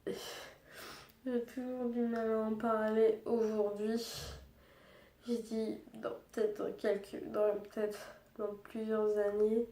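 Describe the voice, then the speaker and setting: Young woman vlogger, quiet and halting, subdued and sad; dark mellow tone, slow delivery. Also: mid-range voice, echoey room, distant mic. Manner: quiet, hesitant, halting speech. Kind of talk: personal testimony vlog.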